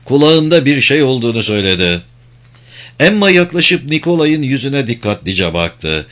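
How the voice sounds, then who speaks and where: This is scripted narration: an audiobook narrator with a medium-pitched voice reads a suspenseful novel in a measured, steady way.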